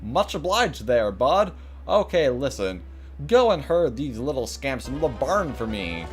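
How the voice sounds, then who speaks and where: A man's voice: mid-range voice, big pitch swings, unhurried, soft background music. A man voicing a friendly, apologetic cowboy rancher from a video game, reading the lines in an exaggerated imitation cowboy accent. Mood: grateful, instructing. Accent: exaggerated imitation cowboy drawl. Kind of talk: hammy video game dialogue read-aloud.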